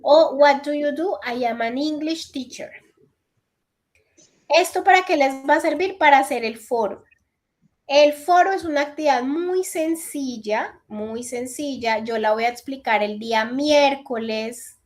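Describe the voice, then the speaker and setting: On a video call, a woman in her thirties with a high voice teaches English at an unhurried pace through her computer's microphone. Going point by point, she repeatedly checks in with "listo" to confirm her students understand.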